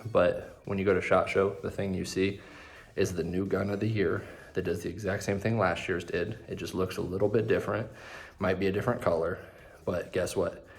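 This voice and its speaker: A very deep-voiced man talks straight to camera from his garage gym, giving fitness tips in a relaxed, joking way. He is a bit out of breath and drops in self-deprecating asides. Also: fairly quick, vocal fry. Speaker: fitness content creator. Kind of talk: casual vlog tips to camera.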